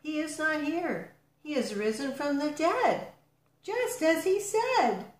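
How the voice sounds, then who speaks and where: A solemn angel, put on by a woman storyteller, proclaims in a high, drawn-out voice. The tone sounds set apart from the narration. It rings in an echoey room. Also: sing-song, exaggerated voice. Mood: announcing. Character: solemn angel at an empty tomb.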